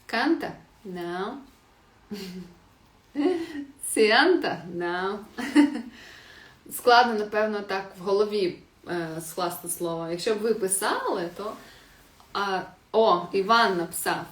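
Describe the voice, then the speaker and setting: A woman's voice: medium pitch, animated, slow, long pauses. A woman teaching a live online language lesson, spelling words out letter by letter and reading answers from the chat. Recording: roomy echo.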